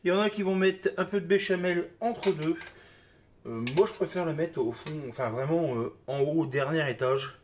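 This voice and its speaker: A man with a slightly high voice hosts a cooking video while nursing a mild cold, speaking at a moderate pace. He chats casually as he works, filling his talk with little interjections like "hop" and "hein." Dishes and utensils clatter in the kitchen behind him, and there's a bit of background noise.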